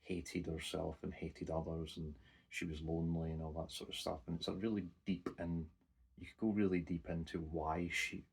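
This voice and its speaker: Deep gravelly young man. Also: flat delivery, normal speed. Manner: rambling, informal, swears casually. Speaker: anime vlogger. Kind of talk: casual unscripted review monologue.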